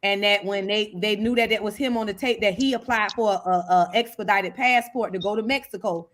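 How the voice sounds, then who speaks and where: A woman on a talk show panel explains things casually in street slang, with some swearing. Her voice is mid-range and brisk.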